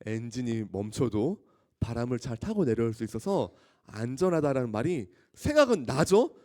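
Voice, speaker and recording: A man preaching a sermon as a youth pastor to high school students, telling stories with lively exclamations and questions to the audience. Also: moderate pace. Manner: animated storytelling, often asking the audience questions; acts out scenes with loud exclamations.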